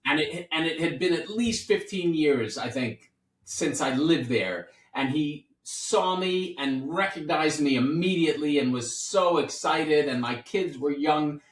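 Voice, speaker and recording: A man's voice: fairly high pitch, a little slow, recorded from a distance. A man in his fifties from New York City, a doctor hosting a casual podcast, chatty and playful, rambling with restarts. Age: 50s. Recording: roomy sound, set back from the mic.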